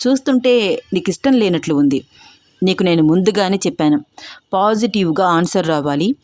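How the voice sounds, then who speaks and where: A woman's voice: fairly low pitch, a little mellow, no echo, lightly acted. Storybook villain: a woman doing an older man, cold and threatening, dry close sound. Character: older man, menacing powerful neighbour threatening a young woman.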